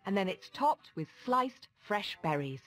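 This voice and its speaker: A woman's voice: mid-range voice, sing-song, unhurried. A woman with a British accent reading scripted cookery narration as a presenter. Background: music.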